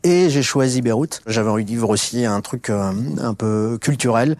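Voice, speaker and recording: A man's voice: medium pitch, normal speed, darkish tone, no room sound. A middle-aged man from Alsace, a guest in a conversational interview, telling his story with many fillers and restarts. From France (Alsace). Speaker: interview guest, business executive.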